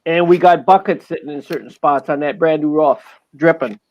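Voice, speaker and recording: A man's voice: on the high side, brisk, dull audio. A man chatting on a livestream as a guest, plain-spoken and joking. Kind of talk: casual chat.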